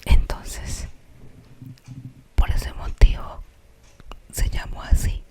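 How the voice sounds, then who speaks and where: A storyteller with a Colombian accent whispers an ASMR tale in a hushed, slow, suspenseful manner, pausing for explanatory asides.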